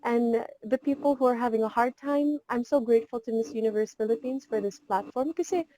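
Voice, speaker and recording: A woman's voice: on the high side, brisk, mellow, a little hiss or hum, rough recording. A woman in her twenties from Seattle, with an American accent, answering questions as a pageant contestant on a video call. She sounds earnest and upbeat, with a Filipino word here and there. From Seattle, United States. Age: 20s. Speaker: beauty pageant contestant guest. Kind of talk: casual online interview.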